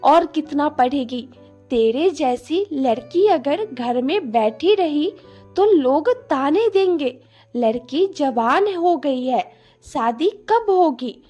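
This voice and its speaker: A woman voicing a harsh, stern village father who scolds and shouts at his daughter. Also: high voice, animated, slow pace, faint music behind.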